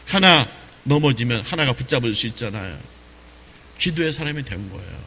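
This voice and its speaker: A male pastor delivering a Sunday sermon, asking questions and repeating phrases, dropping low and quiet, then rising to stress a point. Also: long reverb tail. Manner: preaching with rhetorical questions and repetition, swings from low and quiet to raised. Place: church sanctuary.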